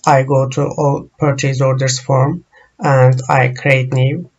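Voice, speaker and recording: A man whose first language is Turkish, walking through software screens in a slow, halting tutorial full of pauses and fillers. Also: mid-range voice, level tone, slightly rough, muffled recording. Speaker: software trainer.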